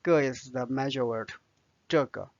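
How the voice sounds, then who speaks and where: A man's voice: mid-range voice, unhurried, darkish tone, no room sound, highs cut off. A man with a Chinese accent teaching vocabulary, patiently spelling out each word and its tone. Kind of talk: slow vocabulary lesson.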